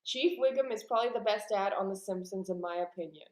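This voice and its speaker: A young woman hosting a stream in a casual way, reading chat comments aloud and giving quick opinions. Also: mid-range voice. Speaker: streamer, host. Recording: echoey room.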